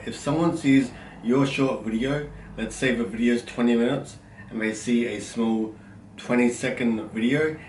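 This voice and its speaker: A man's voice: medium pitch, recorded from a distance, a little hiss or hum. Man with a slight stutter. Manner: deliberate, speaks loudly and slowly on purpose. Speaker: content creator giving tips. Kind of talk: instructional vlog. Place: room at home with a window. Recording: roomy, mic set back, faint ambience.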